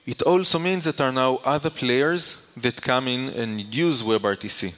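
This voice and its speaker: A conference speaker presents to an audience in a large, reverberant hall with a long echo. His voice is medium pitch, moderate in pace, and a bit bright, and he explains by posing questions and then answering them.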